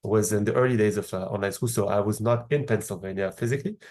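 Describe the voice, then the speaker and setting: As a podcast guest, a startup founder from Morocco in his thirties gives measured, explanatory answers to interview questions, hesitating frequently. He has a French accent and a lowish, slightly mellow voice.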